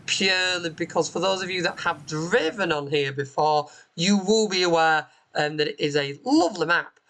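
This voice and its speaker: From a home room with a window onto a street, a bus simulator channel host gives casual gameplay commentary in a fairly bright, mid-range voice at normal speed. He's chatty and explanatory with frequent "um" fillers, and the recording is low quality.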